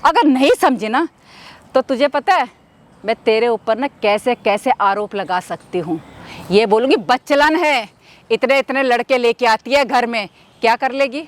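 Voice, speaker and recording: Cruel mother-in-law, high-pitched, played by a woman with cold repeated threats. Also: moderate pace, natural voice. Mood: menacing. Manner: menacing, coldly insistent, repeats threats. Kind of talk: web short drama acting.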